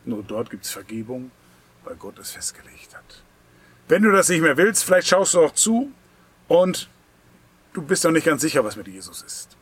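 A man preaching a sermon, addressing the listener directly, moving between strong emphasis and soft, near-whispered passages. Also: a little high, very animated, normal speed, breathy edge. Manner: dynamic, swings from loud emphasis to hushed near-whisper; intimate, speaks directly to the listener.

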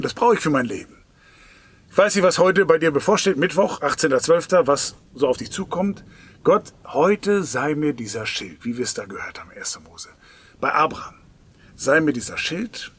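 A man delivers an earnest devotional sermon in a husky, breathy voice of ordinary pitch. He addresses the listener directly and warmly personal, with phrases that fade into soft half-whispers. The sound is close and dry, with no room echo. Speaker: preacher of a daily devotional broadcast.

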